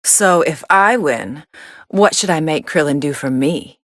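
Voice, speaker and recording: Android 18, dry and unimpressed. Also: female voice, sits low, expressive, measured pace, fairly bright tone, no room sound. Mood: wry, coolly amused. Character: cool, sardonic young female android fighter commentating matches. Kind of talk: English anime game voice acting, match commentary.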